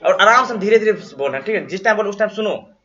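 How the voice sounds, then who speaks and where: A man teaching a classroom geography lesson, dictating notes slowly and quizzing his students with repeated questions. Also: high-pitched, expressive, a bit bright. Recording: dull lo-fi classroom recording.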